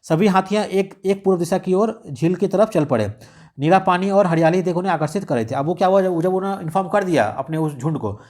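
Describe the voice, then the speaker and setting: A man's voice: sits high, expressive, quick pace, a little mellow. A man, tutoring exam students through a radio script step by step, repeating and rephrasing as he goes. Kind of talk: explaining a radio script in a lesson.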